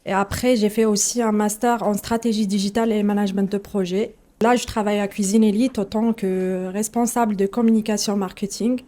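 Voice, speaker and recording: Mellow-voiced woman from Morocco. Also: medium pitch, steady tone, fairly quick. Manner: careful, hesitant with many fillers. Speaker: communication and marketing manager. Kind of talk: casual self-introduction. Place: kitchen showroom.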